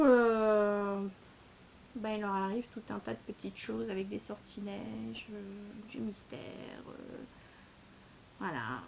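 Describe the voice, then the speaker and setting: A woman's voice: a little high, a little mellow, highs cut off. Chatty woman gushing over books. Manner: gushing, with many fillers and repeated words. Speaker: book vlogger. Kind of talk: casual book haul vlog.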